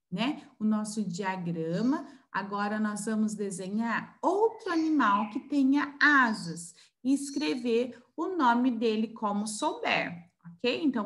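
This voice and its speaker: A woman's voice: a little high, pushed and bright. A Brazilian woman teaching young children, sounding out words syllable by syllable and stretching each sound. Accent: Brazilian Portuguese. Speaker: preschool teacher. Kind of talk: recorded online lesson for young children.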